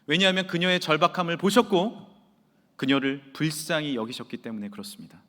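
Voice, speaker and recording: A man preaching a sermon as pastor in a church sanctuary, swinging from loud to near-whisper. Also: a little high, expressive, brisk. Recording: reverberant church hall.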